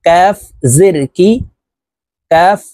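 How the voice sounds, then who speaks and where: A Bangladeshi man leads a Quran reading drill, stretching each syllable long and slow for learners to repeat after him. His voice is mellow and soft-edged. The sound is dry and close, with no room around it. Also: high-pitched, steady tone, dry recording. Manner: slow drawn-out syllable chanting between quick explanations.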